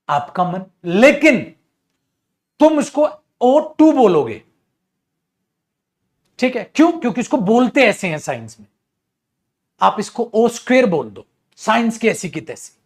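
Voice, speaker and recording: A man teaching English grammar in an online class. He speaks in a fairly high voice, lively and playful, teasing his students as he explains. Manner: lively, jokey, addresses students as beta, acts out student voices.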